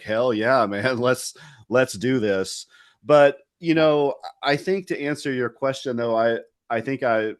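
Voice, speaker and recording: A man's voice: fairly low pitch, clean tone. A middle-aged man from West Virginia, a retired soldier and interview guest, talking candidly and reflectively in a loose casual way. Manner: reflective and candid, loose with fillers like "you know".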